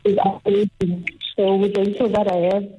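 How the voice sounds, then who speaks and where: A South African woman calling in to a radio show, talking in a courteous, measured way. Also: medium pitch, level tone, dark tone. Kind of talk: phone-in conversation. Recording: tinny narrowband phone line.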